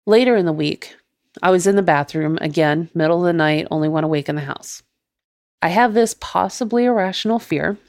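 A woman podcast host narrating her own ghost story in a measured, deliberate way. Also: on the low side, a little mellow, no echo, studio quality.

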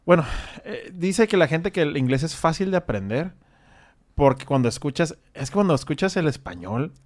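A man's voice: fairly high pitch, animated, normal speed. A man from northern Mexico with a northern Mexican accent, hosting and producing a casual interview, joking and swearing freely. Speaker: podcast host and producer.

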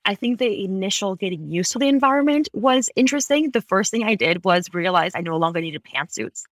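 Expressive and medium-pitched, an Ecuadorian woman in her thirties speaks as a podcast guest about her career, fast and articulate but often correcting herself mid-sentence. It's a conversational interview from her Bay Area home office, captured as a dry recording.

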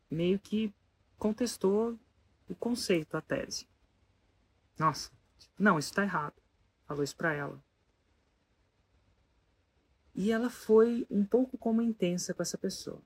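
A speaker, telling a story casually to an audience in an animated way and asking the listeners rhetorical questions. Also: mid-range voice, normal speed, slightly rough.

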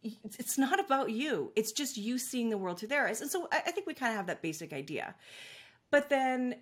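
Speaking on the high side with a brisk, slightly rough voice, a parent coach talks casually through an interview. She tells stories animatedly and laughs without much prompting.

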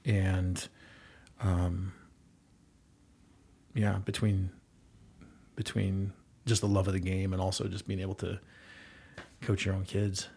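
A middle-aged man speaks slowly in a low, mellow, husky monotone with vocal fry and long pauses. As a guest and volunteer girls' basketball coach in casual conversation, he rambles earnestly about coaching his kids, with fillers and restarts.

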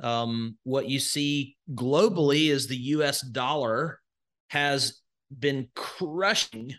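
A man's voice: mid-range voice, slow, fairly bright tone. A man from Alabama with a Southern accent, a podcast guest telling his story in a folksy, rambling way with many fillers. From Northwest Alabama, US. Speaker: guest, crypto educator. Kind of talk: conversational interview.

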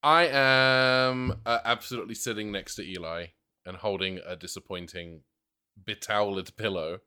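A man's voice: lowish voice, steady tone, moderate pace, bright, forceful tone, smooth. A man playing a tabletop game, rambling and stumbling over repeated words as he talks. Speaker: player. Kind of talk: casual tabletop play.

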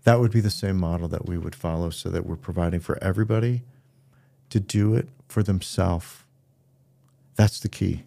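A man's voice: low voice, normal speed, creaky, dark tone. A middle-aged man, a pastor co-hosting a podcast, talking earnestly and telling stories in a casual conversation. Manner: earnest storytelling, acts out quoted voices.

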